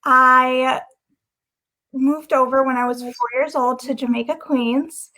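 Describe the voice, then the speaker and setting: A young woman from Guyana, a model, answering interview questions in a soft-spoken, hesitant way with frequent pauses and restarts. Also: sits high, steady tone.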